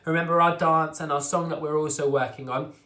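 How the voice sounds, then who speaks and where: A man teaching an online drama class for children, encouraging and reassuring as he drills tongue twisters slowly. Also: fairly high pitch, fairly even intonation, pushed and bright. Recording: echoey room.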